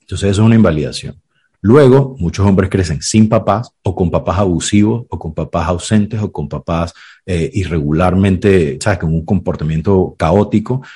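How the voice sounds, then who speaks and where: A man's voice: deep voice, moderate pace, dark tone, breathy edge. A man, a clinical psychologist, explaining ideas in a reflective podcast talk, using examples and acted quotes, often checking in with "you know?". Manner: frequent "¿sabes?" and "¿ves?" tags.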